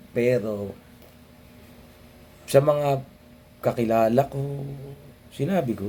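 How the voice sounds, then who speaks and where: A man's voice: mid-range voice, warm tone. A young man ranting casually to his viewers in a blunt, sardonic way, swearing often and muttering asides under his breath. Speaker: vlogger.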